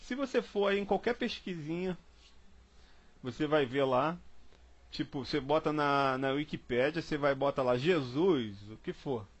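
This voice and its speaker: A man from Brazil leading an informal Bible study, chatty and repetitive, spelling words out letter by letter. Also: mid-range voice. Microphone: online call.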